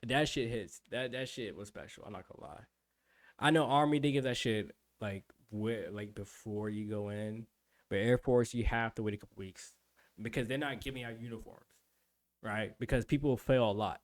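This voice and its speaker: A man's voice: on the low side, moderate pace. A young adult man streaming, telling a rambling, profane story in casual chat.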